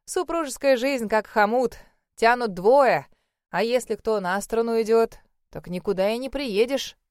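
A woman voicing a hearty, fussing middle-aged mother-in-law who talks loudly and exclaims a lot. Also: a little high, expressive, moderate pace, smooth, dry recording, clean studio sound, natural voice. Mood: boisterous.

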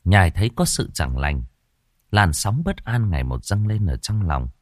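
A man narrating an audiobook in a measured, expressive way. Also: low-pitched, no echo, clean studio sound. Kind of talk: scripted narration.

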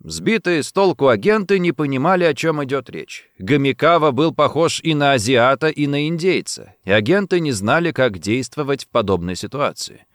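A man narrates a spy thriller with expressive storytelling. His pitch moves in lively swings. The recording is close and dry, with no room sound. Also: normal speed, hardly any pauses, no room sound. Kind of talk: audiobook narration.

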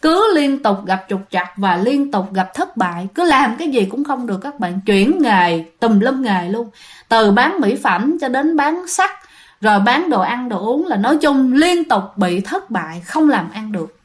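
Southern vietnamese woman telling a ghost story, high voice, very animated, keeps talking to her listeners. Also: unhurried. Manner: animated, often addresses listeners directly.

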